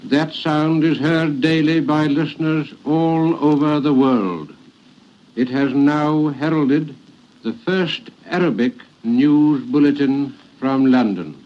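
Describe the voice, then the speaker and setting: A man's voice: fairly high pitch, a little mellow. Muffled old-newsreel-style radio announcer, man. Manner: stately, measured announcing. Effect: old archive radio recording, muffled and lo-fi. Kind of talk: formal 1930s radio announcement. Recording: muffled 1930s archive radio recording.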